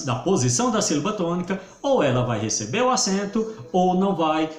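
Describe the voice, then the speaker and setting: Slow, lively teacher. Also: male voice, fairly high pitch, a little hiss or hum. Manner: didactic, stretches syllables for emphasis. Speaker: Portuguese teacher. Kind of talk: video grammar lesson. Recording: roomy echo.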